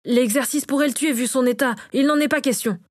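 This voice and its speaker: A woman's voice: on the high side, level tone, brisk, darkish tone, no room sound, studio quality, close to an everyday voice. A woman voicing a hesitant male cook with mind magic in a storybook reading, speaking cautiously. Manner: reluctant and cautious.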